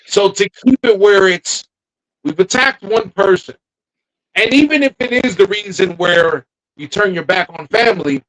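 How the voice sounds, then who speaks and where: A man with a notably high voice co-hosts a relaxed podcast chat. He thinks out loud, drifts off mid-sentence and starts again. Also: rough recording. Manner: thinking aloud, trailing off and restarting. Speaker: podcast co-host. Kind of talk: casual wrestling chat.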